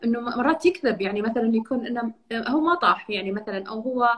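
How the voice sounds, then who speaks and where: A woman hosting an interview, speaking quickly and often giving short agreements. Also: a little high, lively intonation. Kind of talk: casual interview talk.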